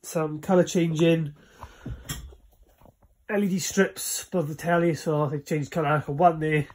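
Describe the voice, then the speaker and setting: A man's voice: on the high side, steady tone, measured pace, darkish tone. A young Welsh man chatting casually as he shows his games room, rambling with many fillers, recorded on a handheld phone. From Wales. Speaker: vlogger giving a room tour. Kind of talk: casual chat. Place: small indoor games room at home. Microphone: phone camera held in hand.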